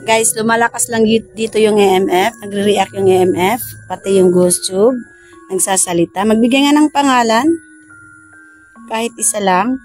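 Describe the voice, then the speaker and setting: A woman, a paranormal investigator vlogger, softly coaxing and pleading with spirits outdoors at night. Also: medium pitch, normal speed, soft background music. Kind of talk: casual ghost-hunting vlog. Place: outdoors at a bus depot at night.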